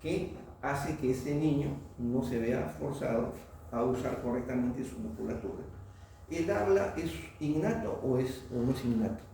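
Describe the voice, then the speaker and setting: A man's voice: medium pitch, unhurried, gravelly, mellow. A man giving a classroom lecture and often quizzing the class with a questioning "¿no?". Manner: asks the class questions, tag "¿no?". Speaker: oral surgery lecturer. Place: lecture room. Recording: very echoey lecture hall from far off, faint noise.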